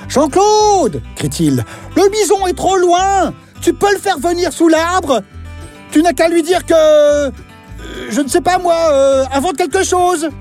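A narrator voicing a small, eager young male hamster who wants to be a cowboy, in a high sing-song voice. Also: animated, measured pace, a little mellow, faint music behind. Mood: pleading.

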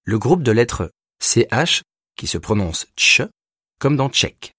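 A man narrating a recorded language lesson, explaining grammar rules with slow, deliberate pauses between words. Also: medium pitch, big pitch swings, a bit bright, slightly rough, dry recording, studio quality. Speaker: language teacher.

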